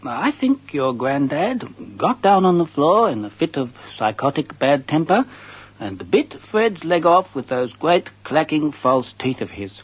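An actor playing an earnest radio advice host, answering letters in a mock-serious, deliberate, conversational way and speculating darkly. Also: male voice, a little high, very animated, breathy edge, full character voice. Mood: gravely certain. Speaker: advice show host reading listeners' letters. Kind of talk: comic radio monologue, reading and answering letters. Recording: slightly dull radio recording.

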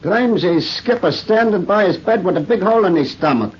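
Slangy, higher-voiced hospital orderly. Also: male voice, expressive, a little fast, slightly rough, heavily acted. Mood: gossipy. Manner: folksy, ungrammatical slang. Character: gossipy, slangy working-class hospital orderly. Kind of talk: old-time radio drama acting. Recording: muffled vintage radio recording.

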